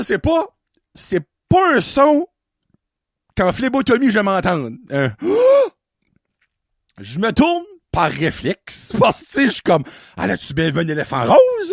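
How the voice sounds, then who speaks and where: Acadian french guy on his podcast, goes way up and down, high voice, laughs a lot, mixes in english. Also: no room sound, studio quality. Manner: animated, laughs often, mixes in English words. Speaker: podcast host. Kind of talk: casual storytelling monologue.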